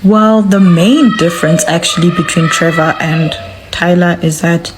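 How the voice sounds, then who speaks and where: A woman's voice: lowish voice, steady tone, unhurried, music in the background, rough recording. A woman from Africa, explaining in a matter-of-fact way. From South Africa.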